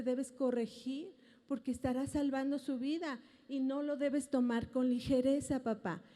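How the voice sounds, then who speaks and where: A woman's voice: sits high, darkish tone. A Mexican woman pastor preaching to a congregation about parenting, earnest and emphatic, often asking the audience rhetorical questions. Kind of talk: family teaching sermon to a congregation. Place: large auditorium. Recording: long auditorium reverb.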